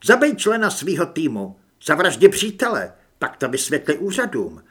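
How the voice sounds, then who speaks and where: A man's voice: on the high side, wildly swooping pitch, fairly bright tone, slightly rough, full character voice. A man voicing a chubby, fanatical male occultist who whines when scared and turns commanding. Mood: menacing. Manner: whining and pleading when scared.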